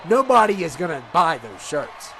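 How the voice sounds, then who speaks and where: A man's voice: on the high side, big pitch swings, normal speed, fairly bright tone, a little hiss or hum. A man commentating a video game wrestling show, ranting with mock outrage and repeating himself.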